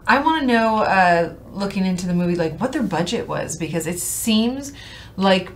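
A woman's voice: medium pitch, expressive, normal speed, slight background noise. A woman hosting a casual movie reaction chat and leading the discussion.

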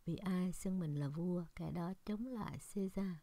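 A woman's voice: fairly low pitch, a little slow, warm tone, no echo. A woman reading the lines of an angry accusing crowd in a Scripture reading, insistent and raised.

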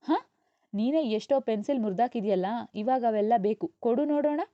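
A sharp-tongued young mother who is quick to scold, voiced for a spoken storybook by a woman narrator. Her voice sits higher and louder than the narrator's own, with a clipped, chiding edge. The recording is dull and dry. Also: no echo, natural voice. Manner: scolding, loud and high.

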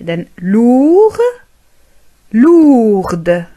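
A woman teaching a French lesson, saying each word slowly and repeating it several times for learners. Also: on the high side, big pitch swings, warm tone. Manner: drills each word with careful, drawn-out repetition. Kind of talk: slow, repetitive language lesson.

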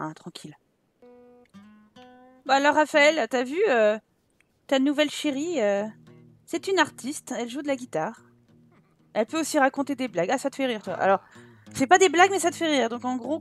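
A woman giving casual game commentary as a let's play host, chatting and scolding her game characters in exasperation. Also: on the high side.

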